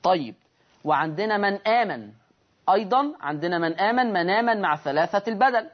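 A man with an Egyptian accent teaching Quran recitation on a broadcast lesson. He explains the rules, puts questions to his listeners and answers them himself, and recites the example words slowly and drawn out. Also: sits high, big pitch swings, muffled recording. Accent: Egyptian Arabic.

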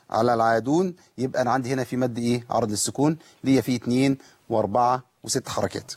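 A man with an Egyptian accent hosting a live call-in Quran recitation lesson, stretching and repeating words slowly to show how they are pronounced. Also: medium pitch, darkish tone, breathy edge, no echo. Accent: Egyptian Arabic.

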